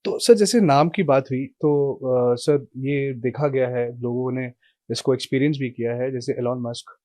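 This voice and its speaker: Man, interview host, deferential, hesitant, mellow tone, dry close sound. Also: medium pitch, a little slow, no echo. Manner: deferential, hesitant, many "sir"s and fillers. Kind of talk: interview questions.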